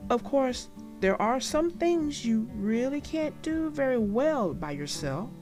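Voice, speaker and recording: A woman voicing a calm, wise mother bear who speaks quietly in a children's storybook. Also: high-pitched, over music, voice pushed up, full character voice. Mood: calm reasoning. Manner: quiet, measured, gently reasoning. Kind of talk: children's storybook read-aloud.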